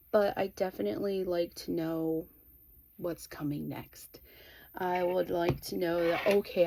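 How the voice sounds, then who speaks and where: A middle-aged woman in a casual, confessional chat to viewers, candid and rambling, with halting, trailing pauses. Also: fairly low pitch, vocal fry, dark tone. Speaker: vlogger.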